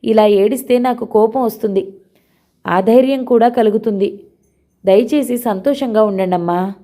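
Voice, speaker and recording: A woman voicing a composed young village woman who speaks gently and earnestly. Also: fairly high pitch, normal speed, natural voice. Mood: consoling.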